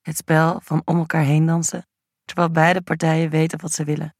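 A man narrating an erotic audio story in a slow, even, intimate reading. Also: fairly high pitch, gravelly, dry recording, studio quality.

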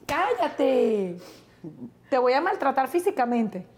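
A woman in her thirties with a Venezuelan accent, co-hosting a comedic talk show and ranting in an animated, exasperated way. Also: high-pitched, fairly quick. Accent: Venezuelan Spanish. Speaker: co-host. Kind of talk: casual comedic banter.

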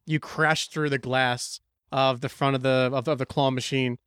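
A man's voice: mid-range voice, steady tone, normal speed, a bit bright, clear, resonant tone, no echo, clean studio sound. A man narrating as game master of a tabletop role-play, joking and loose, often restarting phrases.

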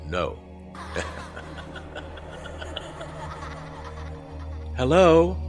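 A man's voice: low-pitched, fairly bright tone. A man hosting and narrating a ghost story, dramatic in the telling and chatty between tales. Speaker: host and storyteller.

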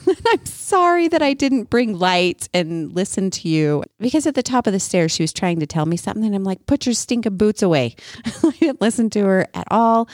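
A woman in her thirties co-hosting a podcast, telling a family story in a casual, animated way. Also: lowish voice, no echo, studio quality. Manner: animated, acts out family members' voices in her retelling. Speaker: podcast co-host.

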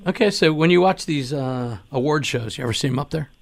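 A man hosting a casual interview, joking and teasing with quick questions. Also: fairly high pitch, gravelly. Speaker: host.

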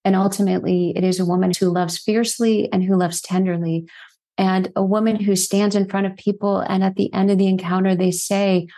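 A woman's voice: mid-range voice, level tone, brisk, dark tone. A middle-aged woman who works as a physician and life coach, a podcast guest telling her story in an earnest, reflective way, posing rhetorical questions.

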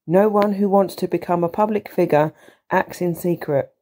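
A woman reading scripture aloud in a measured, steady way. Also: fairly low pitch. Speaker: scripture reader.

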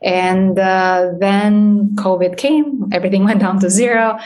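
Appearing as a podcast interview guest, a startup founder in her thirties, raised in Albania, talks warmly with frequent fillers and light laughs mixed into her speech. She has a medium-pitched voice with fairly even intonation and speaks a little slowly.

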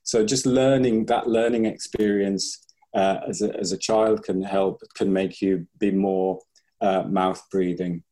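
A deep, mellow male voice with a level tone and measured pace belongs to a breathing coach in a podcast interview. He's reflective, often starting sentences over and playing out his clients' voices.

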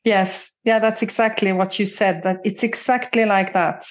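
A woman's voice: medium pitch, fairly even intonation, normal speed. A woman from Norway, a photographer and non-native English speaker, answering interview questions hesitantly and searching for words. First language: Norwegian. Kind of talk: casual interview.

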